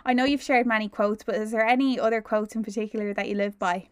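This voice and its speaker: A woman's voice: a little high, fairly even intonation, fast, clean tone. Informal woman hosting a chat. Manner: informal, encouraging, frequent agreeing. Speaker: podcast host, trainee teacher. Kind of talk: casual interview.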